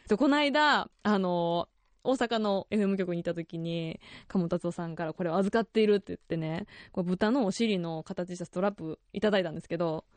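Lively Kansai woman radio host. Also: fairly low pitch, brisk, no echo. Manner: lively, laughing often, chatty. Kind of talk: radio show chat.

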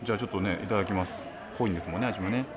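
A man's voice: on the low side, rapid-fire, heavy background noise. A man interviewing as a food reporter in a conversational, inquisitive way, often repeating and summing up what he is told.

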